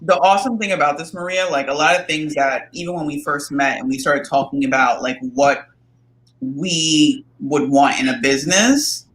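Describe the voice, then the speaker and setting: A woman co-hosting a casual chat, talking in a lively, animated way and reacting quickly. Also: low-pitched, a little hiss or hum. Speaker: podcast co-host. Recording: echoey roomy sound.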